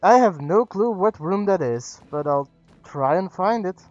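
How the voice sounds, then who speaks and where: A man with a slightly high voice talks casually through a game livestream. He is informal and thinks aloud as he hosts. The sound is a bit dull and lo-fi, with music playing behind him. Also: animated, measured pace, a little mellow, dry recording. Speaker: livestream host.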